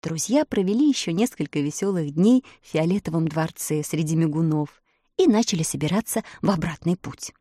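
A woman reads a children's fairy tale aloud, her voice rising and falling through a wide, singsong span. She slows down to lean on key moments. The recording is close and dry, with no room sound. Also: deep voice, dry recording. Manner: expressive, lilting storytelling with slowed emphasis. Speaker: narrator. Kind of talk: storybook reading.

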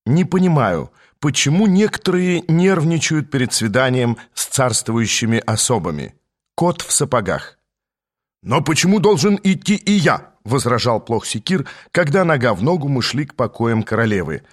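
A man narrating an audiobook in the first person, with a dry, measured storytelling delivery. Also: mid-range voice, lively intonation. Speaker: audiobook reader.

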